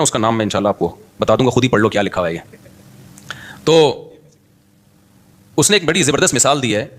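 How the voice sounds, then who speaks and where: A man giving an Islamic sermon, talking in a chatty, animated way, slipping in English words and reciting Quran verses in Arabic. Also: mid-range voice. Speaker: Islamic preacher.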